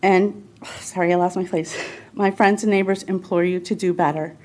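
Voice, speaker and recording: A woman's voice: lowish voice, steady tone, moderate pace, a little mellow. A woman giving public comment at a city council meeting, reading a prepared statement in an earnest, pleading way.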